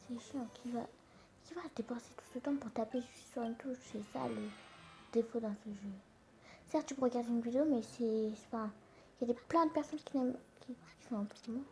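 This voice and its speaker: Woman host, fairly high pitch, for halting mobile game commentary with soft whispered asides, recorded on a phone. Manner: hesitant, halting, many self-corrections. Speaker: gaming channel host. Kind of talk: casual mobile gaming commentary. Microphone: phone screen recorder mic.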